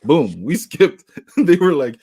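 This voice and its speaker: A man's voice: a little high, slow pace, husky. A man co-hosting a casual podcast, telling stories with lots of laughter. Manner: laughs through his stories, animated retelling. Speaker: podcast co-host. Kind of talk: casual storytelling chat.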